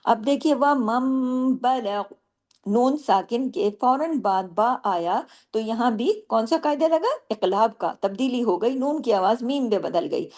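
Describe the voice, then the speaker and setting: Female tajweed teacher, slightly high voice, patient step-by-step explanations, poses her own questions and answers them, slow drawn-out recitation between points. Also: animated, a little mellow.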